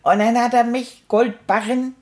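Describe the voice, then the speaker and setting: A woman's voice: fairly high pitch, fairly even intonation, a little slow, a little mellow, close to an everyday voice. A woman voicing a cheerful, cheeky male stuffed toy rat, retelling events in a chatty, rambling, fond way. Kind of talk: first-person storytelling.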